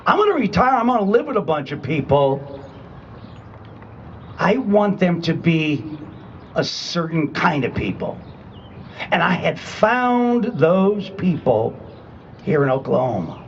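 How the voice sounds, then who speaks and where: A retired Army man in his sixties, from Rhode Island and Connecticut with a New England accent, speaks at a public rally at a state capitol. His fairly high, sing-song voice is unhurried with long pauses, conversational yet emphatic, checking in with "okay?" The recording is muffled with slight background noise.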